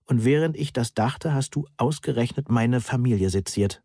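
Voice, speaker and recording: A man's voice: medium pitch, normal speed, mellow, husky, no room sound. A man reading an audiobook, voicing a hurt young woman student who is close to tears. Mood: tearful.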